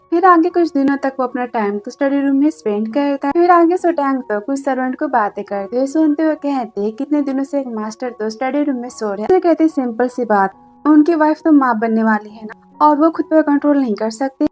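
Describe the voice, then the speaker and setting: A woman's voice: high-pitched, a little mellow. A woman narrating a drama recap in a casual storytelling style, retelling scenes in a chatty running account that quotes each character in turn.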